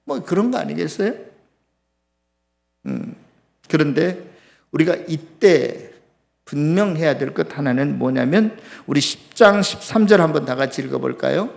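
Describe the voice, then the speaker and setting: A man's voice: a little high, animated, unhurried, gravelly, long pauses. A man preaching a sermon as pastor, impassioned, acting out complaints and putting questions straight to the congregation. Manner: impassioned, acts out complaints to God in raised voice; asks the congregation questions directly.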